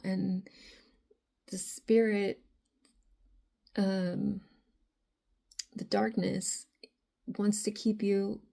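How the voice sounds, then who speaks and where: A woman with a raspy, mellow voice talks through a tarot reading for her viewers. She keeps a narrow, even pitch and wanders from thought to thought with lots of filler. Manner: rambling, frequent filler phrases. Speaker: tarot reader.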